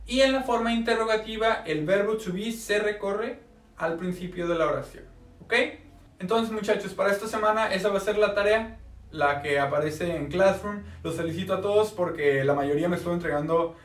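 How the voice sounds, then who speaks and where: Male teacher, high voice, patient and repetitive, recorded at a distance in a roomy space. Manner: slow, deliberate repetition of example sentences. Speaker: English teacher. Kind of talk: recorded remote class lesson. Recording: echoey room, distant mic.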